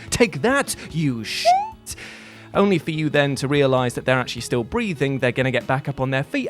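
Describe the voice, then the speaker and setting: A man hosting a scripted video game countdown in a playful, jokey, theatrical manner. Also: fairly high pitch. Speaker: host.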